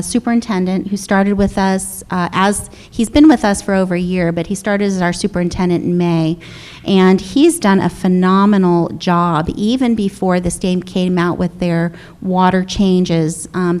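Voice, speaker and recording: A woman's voice: fairly low pitch, darkish tone, clean tone. A middle-aged woman, a controller, giving a businesslike budget presentation and taking audience questions, with frequent fillers and restarts.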